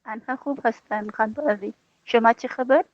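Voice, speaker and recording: Hesitant, soft-spoken woman student. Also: fairly high pitch, dull audio, slight background noise. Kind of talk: classroom practice dialogue.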